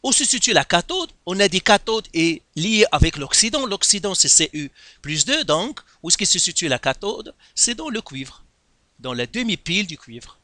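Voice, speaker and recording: Lively, bright-voiced teacher. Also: male voice, sits high, normal speed, no echo. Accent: Quebec French. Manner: explains step by step, with many rhetorical questions. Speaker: chemistry teacher. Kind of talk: lesson explaining a worked exercise.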